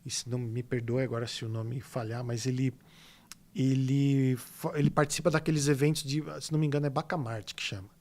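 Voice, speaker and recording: Guesting on a laid-back podcast, an illustrator from São Paulo, Brazil, speaks at medium pitch and a fairly quick clip. His São Paulo Portuguese storytelling is animated and meandering, with plenty of fillers.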